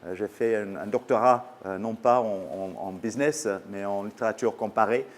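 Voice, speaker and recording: A native English speaker with an English accent, a business school professor, gives a conference talk in French in a fairly low voice at a moderate pace. He sounds hesitant, with many fillers and restarts.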